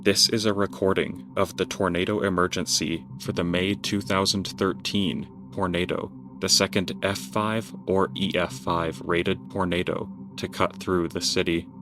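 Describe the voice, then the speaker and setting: A man's voice: sits low, steady tone, a little slow, few pauses. A man giving scripted documentary narration as the narrator. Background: music.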